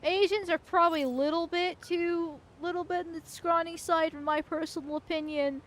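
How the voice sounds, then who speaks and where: A woman's voice: extremely high pitch, steady tone, normal speed, a bit bright. A woman streaming a game with casual commentary, blunt, crude and irreverent.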